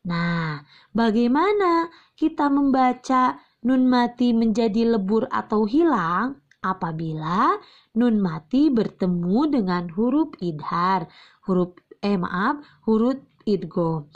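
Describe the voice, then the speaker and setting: A woman's voice: fairly high pitch, animated. A young woman teaching Quran reading rules, asking questions and answering them herself, and stretching out each example word. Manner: drawn-out recited examples, repeats key terms, asks and answers herself. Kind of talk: slow patient tajwid lesson. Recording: slightly dull lo-fi recording.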